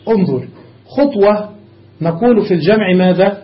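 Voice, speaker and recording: A man's voice: sits high, expressive. A male sheikh teaching grammar to a class, quizzing students with rhetorical questions and reciting word forms one by one. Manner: recites word forms one after another in a measured, drilling way. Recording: dull lo-fi lecture recording.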